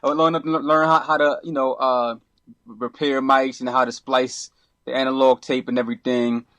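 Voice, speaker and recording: A middle-aged man from Brooklyn, a podcast guest who talks in a relaxed, rambling way, full of restarts and you-knows. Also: mid-range voice, fairly quick, dry recording. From Brooklyn, New York. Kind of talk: casual interview.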